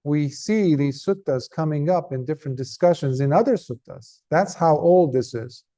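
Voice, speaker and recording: A man, a Buddhist monk, giving an earnest, conversational Dhamma talk to a group, tired, with emphatic stresses and pauses. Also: a little high, warm tone.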